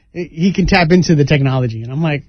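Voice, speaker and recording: A man with a slightly higher voice chats about a movie, full of "like" and "kinda" as he acts out scenes. He sounds eager and animated. The recording is dry and a little muffled. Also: normal speed, no echo. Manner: excited, full of fillers, quotes scenes. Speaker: podcast co-host. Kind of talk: casual movie review chat.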